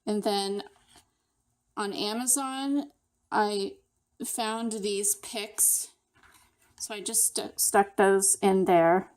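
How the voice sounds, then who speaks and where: A woman talks through her handmade craft project at a leisurely, unhurried pace. Her voice sits at an ordinary middle pitch. Her delivery is relaxed and chatty, a casual step-by-step show-and-tell. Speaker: craft channel host.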